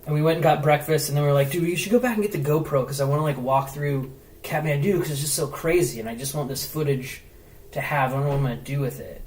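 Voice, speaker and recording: A man's voice: on the high side, quick pace, distant mic. A man, a podcast guest, telling a story in casual, loose chat, full of "like" and swearing. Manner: animated, loose, lots of "like" and swearing. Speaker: podcast guest, travel blogger. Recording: roomy echo, off-mic, faint hiss.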